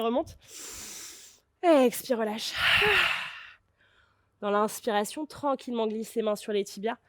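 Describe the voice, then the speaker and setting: A woman guides a yoga flow, her voice sitting a little high and close to the mic in a dry, dead space. She cues every breath and pose with steady encouragement. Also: dry recording. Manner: encouraging, cueing breath and poses. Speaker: yoga teacher.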